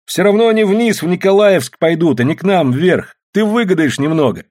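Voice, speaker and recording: A man's voice: high-pitched, animated, fairly quick, a little mellow, pitched above the performer's own voice. A male narrator voicing a tall, earnest young prospector who longs to go home.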